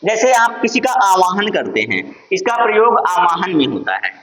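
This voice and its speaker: A man's voice: high-pitched, huge pitch swings, moderate pace, a bit bright. A male teacher with a Purvanchal Hindi accent giving an exam-prep lesson on Sanskrit sounds. He keeps asking his own questions and answering them. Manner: addresses viewers as friends, asks and answers his own questions. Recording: dull lo-fi sound.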